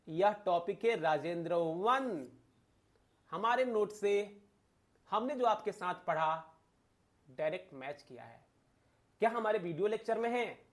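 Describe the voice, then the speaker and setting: With a high voice and an Indian accent, this male exam coach drives his lesson home with emphasis, going back over key points and asking questions he doesn't expect answered.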